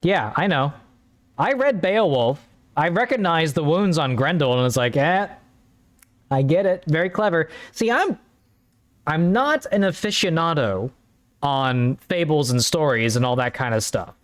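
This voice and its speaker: A man's voice: fairly high pitch, sing-song, moderate pace. Offhand, rambling male game streamer. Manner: rambling and offhand, swears casually. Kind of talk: casual let's-play commentary.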